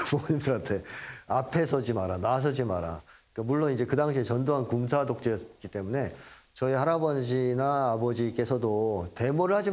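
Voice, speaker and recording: A man's voice: medium pitch, a little mellow. A middle-aged man giving a lecture, acting out quoted lines and chuckling now and then. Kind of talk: lecture talk.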